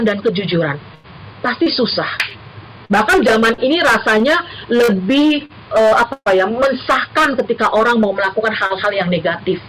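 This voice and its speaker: Middle-aged woman giving a church talk, fairly high voice, very expressive pitch, faint room hum. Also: low-quality recording. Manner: earnest, addresses listeners as brothers and sisters. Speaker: university lecturer speaking at church. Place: church service.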